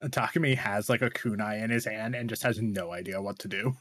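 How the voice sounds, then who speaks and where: Husky man player, blunt. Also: fairly low pitch, fairly quick, a bit bright. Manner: blunt, swears casually. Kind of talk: casual tabletop play.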